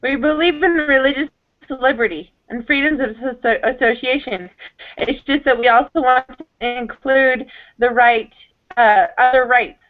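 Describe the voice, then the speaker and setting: Woman on a clipped phone line. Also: on the high side. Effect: clipped, breaking-up phone-line audio. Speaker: debater arguing the humanist side. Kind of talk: classroom debate over a video call. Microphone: video call. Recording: tinny call line with faint music.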